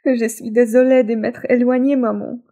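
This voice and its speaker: A woman's voice: a little high, flat delivery, normal speed, dark tone, voice pushed up, lightly acted. A woman voicing a small, frightened young male rabbit in a storybook, speaking in a small timid voice.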